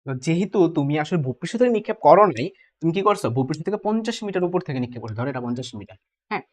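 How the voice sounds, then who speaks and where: Casting note: young male physics tutor, quick-talking, a bit high-pitched, constantly checking in with students. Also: animated. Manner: brisk, keeps asking "ঠিক আছে?", mixes English terms. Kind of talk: exam-prep lecture.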